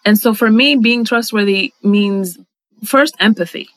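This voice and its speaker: At a measured pace and in a mid-range voice, a middle-aged Dominican woman answers as a guest in a reflective conversational interview. She is thoughtful and articulate, while often using fillers and restarting sentences.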